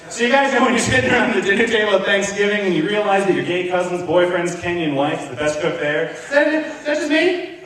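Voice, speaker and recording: A young man doing live stand-up comedy, sardonic and profane, with quick self-mocking asides. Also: high-pitched, far from the mic, noisy background. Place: comedy club room with a live audience. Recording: very echoey room, captured from afar.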